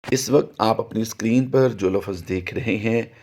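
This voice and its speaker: A man with a slightly mellow voice at normal speed teaches Quran reading in a recorded tajweed lesson, patiently explaining and singing out each example word long and high.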